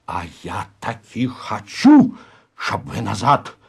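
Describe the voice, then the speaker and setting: A man voicing a nervous but fierce prison elder with Yiddish-flavoured speech, urging hushed and commanding in sharp cries. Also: expressive, measured pace, slightly rough. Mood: shrill commanding. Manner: hushed and urgent, then shrill commanding shouts.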